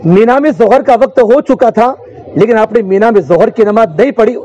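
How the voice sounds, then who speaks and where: A man delivering a sermon in a high, mellow voice, building his points through rhythmic repeated refrains and passages of recited verse. The sound is dull and lo-fi. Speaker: preacher.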